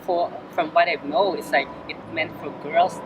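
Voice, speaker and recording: A young woman from the Philippines answering interview questions outdoors, halting and full of fillers and restarts. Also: low voice, fairly even intonation, background noise. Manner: hesitant, lots of fillers and restarts. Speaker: interview guest. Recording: music playing clearly behind.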